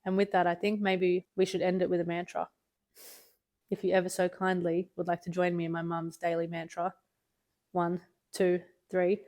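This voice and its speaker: A woman's voice: lowish voice, monotone, normal speed, darkish tone. A young woman hosting a podcast, talking candidly and earnestly and swearing freely. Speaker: podcast host.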